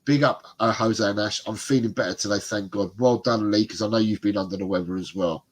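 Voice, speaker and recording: Co-hosting a football fan livestream, a congested, bunged-up middle-aged man reads out viewer comments. He talks fairly quickly in a lowish voice, chatty and rambling, and laughs often.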